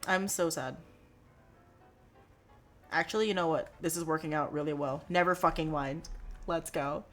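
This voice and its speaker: Gaming on a live stream from her dorm room, a woman in her twenties chats casually in a low-sitting, fairly bright voice at a moderate pace. She rambles with lots of fillers and offhand swearing over soft background music.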